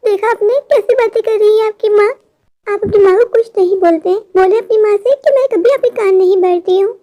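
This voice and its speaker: A woman's voice: very high-pitched, a little fast, mellow. A woman voicing an indignant young daughter-in-law in a cartoon story, complaining about her in-laws. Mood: pleading.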